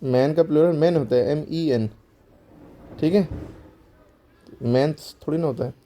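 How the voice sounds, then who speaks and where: A man's voice: a little high, a little slow, dark tone, slight background noise. A man teaching a grammar lesson to schoolchildren, explaining step by step and answering his own questions.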